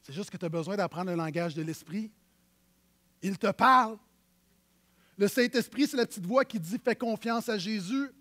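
A man with a Quebec French accent preaching a sermon as pastor, conversational and animated, swinging between loud emphasis and hushed asides. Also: sits high, moderate pace, pauses often.

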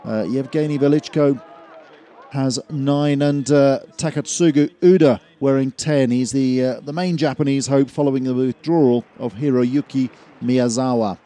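A man commentating on a cross-country ski race, measured and full of fillers, rising in energy near the finish. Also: medium pitch, fairly even intonation, warm tone. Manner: measured, hesitant with frequent fillers, builds at the finish. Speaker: sports commentator.

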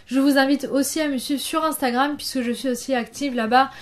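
A woman's voice: high voice, steady tone, fairly quick. A young woman chatting casually through a clothing try-on haul, gushing and chatty with many fillers. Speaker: fashion vlogger.

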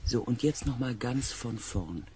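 An actor playing a calm, orderly base camp officer in a German radio play, with a husky voice. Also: male voice, mid-range voice, unhurried, background noise, lightly acted. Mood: calm, questioning.

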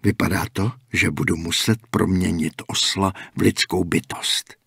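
A calm, cryptic older gas station attendant, played by a man, his low voice husky and hushed, often sinking to a half-whisper. He speaks slowly and flatly, stating things rather than asking. The audiobook recording is close and dry. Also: no echo, heavily acted. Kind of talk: audiobook character voicing.

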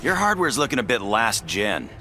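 An actor playing a cocky, confident superhero space cop in a video game, in declarative lines. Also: male voice, fairly low pitch, big pitch swings, moderate pace, noisy background. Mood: cocky, teasing.

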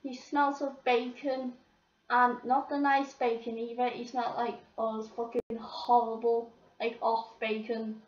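A woman's voice: fairly high pitch, level tone, a little slow, recorded from a distance. A teenage girl, swearing and complaining as she rants to the camera. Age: teens. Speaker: vlogger. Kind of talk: ranting to camera. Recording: roomy, off-mic, dull lo-fi sound.

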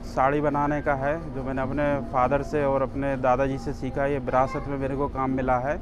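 Man weaver, flat steady voice. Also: medium pitch. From Madhya Pradesh, India. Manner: plain, steady explaining. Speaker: handloom sari weaver. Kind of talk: interview. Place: exhibition stall, indoors. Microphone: lapel mic.

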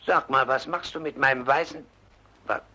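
A man dubbing a grumpy middle-aged suburban father and new grandfather in a German film, gruff and dryly sarcastic. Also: medium pitch, fairly even intonation, moderate pace, crowd noise, lightly acted. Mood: grumbling. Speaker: father of a married daughter.

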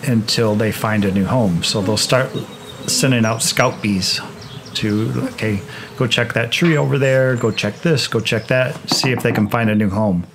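A man explaining swarming while working his beehives in a grassy yard, in a relaxed manner with frequent restarts. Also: on the low side, normal speed, background noise. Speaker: beekeeper, channel host. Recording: outdoor recording with insect buzz behind.

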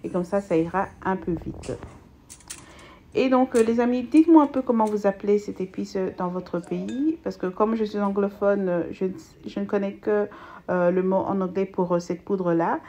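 A Belgian woman hosts a home cooking video, chatting viewers through a recipe in a hesitant way packed with fillers. Her voice has a medium pitch and a dark tone, and she moves at a moderate pace in this casual cooking voice-over.

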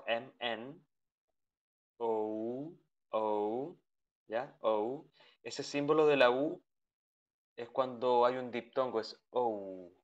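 Slow-talking teacher on a lo-fi call. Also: male voice, medium pitch. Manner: patient, repeats each sound, checks in with "¿ok?". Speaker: English teacher. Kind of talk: online class over video call. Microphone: video call. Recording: dull lo-fi call audio.

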